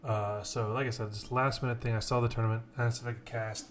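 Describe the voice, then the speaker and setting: A man with a mid-range voice talks fast and flat while casting an esports tournament on a live stream. It's casual late-night stream chat, and he's chatty, self-deprecating and constantly apologizing. Clear keyboard typing sits behind his voice.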